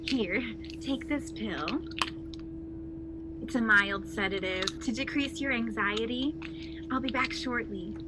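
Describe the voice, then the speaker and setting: A woman's voice: a little high, slow, pauses often, heavy background noise. A woman playing a snarky flight attendant. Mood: soothing. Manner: snarky, cheeky asides. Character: sassy wisecracking female flight attendant. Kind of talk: comedy sketch acting.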